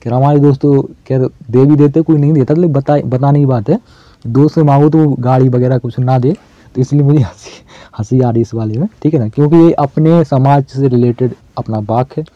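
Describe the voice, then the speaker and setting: Man, casual exam-prep teacher, chatty, repeats himself, very dark mellow voice, dry dull recording. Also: mid-range voice, fairly even intonation, brisk, no echo.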